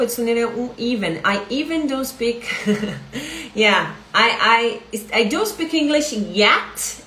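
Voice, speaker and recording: A woman's voice: fairly high pitch, a little hiss or hum. Woman, Brazilian Portuguese accent, language coach, chatty live stream, echoey room. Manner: animated, chatty, keeps addressing viewers. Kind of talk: live stream talk to viewers.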